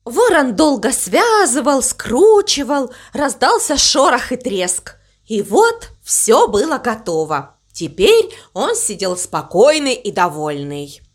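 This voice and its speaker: A woman reading a children's story aloud in a calm, gently expressive manner. Her fairly high voice moves a lot in pitch, and she takes her time over every phrase. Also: slow pace.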